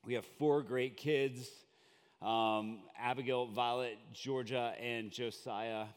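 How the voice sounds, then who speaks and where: A man's voice: mid-range voice, fairly even intonation, takes it slowly, clean tone, long reverb tail. A man from Colombia preaching as a guest in a church, in a chatty, joking way with lots of fillers. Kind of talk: conversational sermon. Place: church sanctuary.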